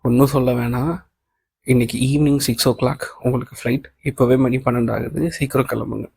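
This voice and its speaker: A man reading the lines of a kind male office boss in an audiobook of a novel, calm and reassuring, mixing in English phrases. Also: mid-range voice, brisk, vocal fry, breathy edge.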